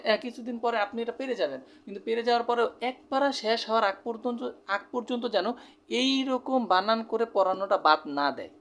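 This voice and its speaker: A man's voice: high-pitched, fairly bright tone. A man from Bangladesh teaching Quran recitation rules in an explanatory, repetitive way, with many fillers. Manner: explanatory, repeats terms, frequent fillers. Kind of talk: spoken Quran recitation lesson.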